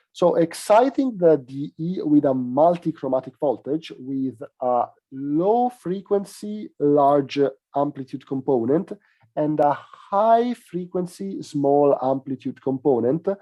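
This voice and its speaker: With a fairly high-pitched yet dark-toned voice, a man presents technical research at a conference. His explanations are measured, broken by hesitant pauses in the middle of phrases.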